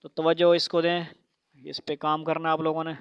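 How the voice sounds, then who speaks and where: A woman teaching Quran recitation to a child, spelling out syllables slowly for repetition and then explaining rules in quicker bursts. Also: low-pitched, monotone, smooth, no room sound, lo-fi sound.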